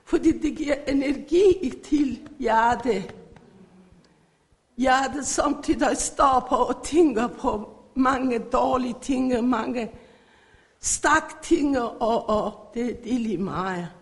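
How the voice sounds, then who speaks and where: A middle-aged woman from Iran, giving an emotional church faith testimony in halting phrasing. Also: high voice. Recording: echoey hall.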